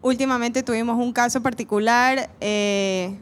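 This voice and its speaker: A woman's voice: fairly high pitch, fairly even intonation, measured pace. A young woman hosting a casual chat, asking questions and telling a funny story about her mother. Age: young adult.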